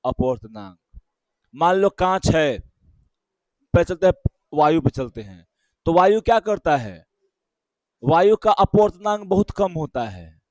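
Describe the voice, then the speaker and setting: A man with a Bihari Hindi accent teaching a physics class, explaining slowly, repeating key terms and checking again and again whether students follow. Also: a little high, very animated, a little mellow, dry recording. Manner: keeps asking students short check questions.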